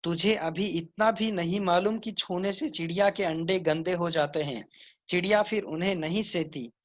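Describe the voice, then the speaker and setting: A man's voice: high voice, normal speed, natural voice. A scolding mother, as a male teacher reads her lines. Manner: lamenting, scolding. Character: stern scolding village mother.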